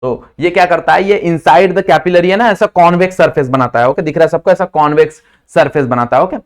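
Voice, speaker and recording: A man teaching physics in a lecture style with a slight lisp, who keeps quizzing students with quick questions and calls them brother. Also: fairly high pitch. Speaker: physics tutor. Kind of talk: classroom lecture mixing Hindi and English.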